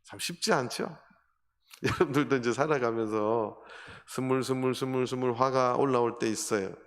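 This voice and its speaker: A man's voice: mid-range voice, moderate pace. A man preaching a sermon as a pastor, telling a story and putting rhetorical questions to the congregation. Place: church sanctuary. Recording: long hall reverb.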